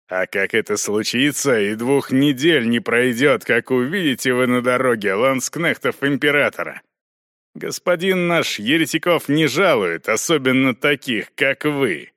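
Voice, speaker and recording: A man reading an audiobook, voicing a stubborn knight inquisitor who speaks loudly and firmly in measured phrases. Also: medium pitch, no room sound, clean studio sound. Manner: firm, loud, measured. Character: stern stubborn male knight inquisitor, bold.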